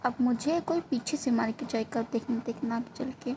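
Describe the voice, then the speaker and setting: Female gaming creator, jokey self-deprecating commentary, slightly high voice, mellow tone. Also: moderate pace, slight background noise, poor audio. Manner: self-mocking, joking voice-over narration. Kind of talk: casual gameplay commentary. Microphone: phone.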